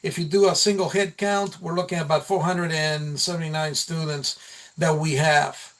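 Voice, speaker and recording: Pitched fairly high, with a level and fairly bright tone, a man walks a meeting through slides in an informal way. He's a college program instructor, and he keeps faltering, repeating himself and starting phrases over.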